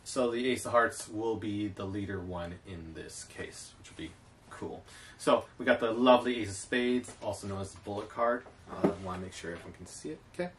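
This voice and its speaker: A man performing a card trick as a magician, talking through it to camera with theatrical, drawn-out showman phrasing. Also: fairly low pitch. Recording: distant mic, clear background noise.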